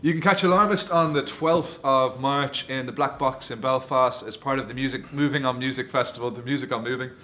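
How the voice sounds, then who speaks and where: Playful young host. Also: male voice, mid-range voice, a little fast, few pauses, a bit bright. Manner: chatty, laughing, playful. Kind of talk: casual interview chat.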